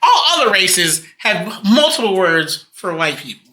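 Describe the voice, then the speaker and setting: A man's voice: sits high, sing-song, measured pace, pushed and bright. A man co-hosting a casual comedy podcast, blunt and swearing freely, laughing a lot. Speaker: podcast co-host.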